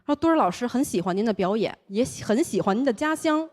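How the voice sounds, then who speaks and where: A woman's voice: fairly high pitch, quick pace. A young woman from Taiwan with a Beijing accent, telling a stand-up comedy set on stage. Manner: lively storytelling with quoted voices. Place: comedy stage with live audience.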